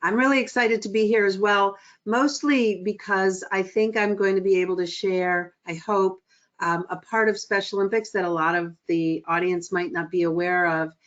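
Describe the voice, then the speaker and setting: A middle-aged woman speaking as a webinar guest, earnest and measured, with frequent ums. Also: mid-range voice, fairly even intonation. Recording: muffled lo-fi webinar audio.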